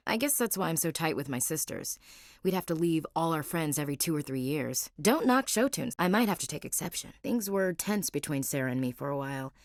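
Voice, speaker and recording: An actress with a deep voice plays a marine gunnery chief in a video game, a young woman soldier who is frank, wry, plain-spoken and devout. The character dialogue is dry and studio quality.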